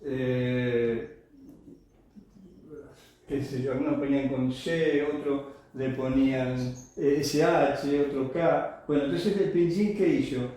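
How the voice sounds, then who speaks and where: A man's voice: mid-range voice, steady tone, slow pace, warm tone. A middle-aged man giving a qigong class, explaining patiently and checking in with his students through frequent tag questions. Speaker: qigong teacher. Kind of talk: classroom lecture. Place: classroom or practice hall. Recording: echoey hall, voice from far off.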